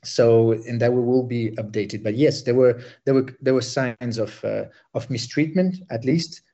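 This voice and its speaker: Bosnian-born male war correspondent, halting field report, dark voice over a dull line. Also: medium pitch. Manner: halting, many fillers and restarts.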